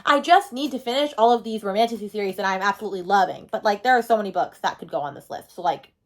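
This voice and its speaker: A woman with a mid-range, expressive voice talks quickly as a book vlogger chatting casually to camera. She gushes emphatically, exaggerates dramatically, and keeps it slangy and informal, dropping "like" and "okay" all the time.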